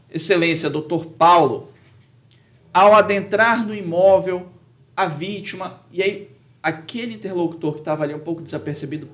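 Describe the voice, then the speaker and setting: A man, a lawyer and public speaking teacher answering as a podcast guest, talking emphatically and getting loud when he acts out a courtroom plea. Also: on the high side. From Pará, Brazil.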